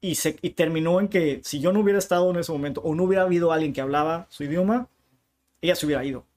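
A man from Tijuana speaking with a northern Mexican accent, his voice sitting a little higher than most men's. He talks as a guest in a relaxed interview, a bookshop owner who spins lively stories with slangy asides. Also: fast talker. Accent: northern Mexican Spanish. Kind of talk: casual interview chat.

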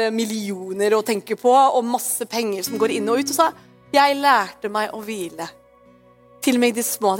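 Woman pastor, brightish higher voice, chatty sermon delivery with English words mixed in. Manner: chatty, often asks "right?"; slips English phrases in.

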